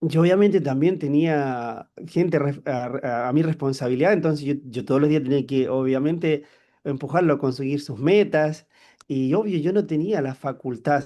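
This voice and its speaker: A man with a Chilean accent preaching a sermon as a personal story, animated and exclaiming often. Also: medium pitch. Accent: Chilean Spanish. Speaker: church leader preaching.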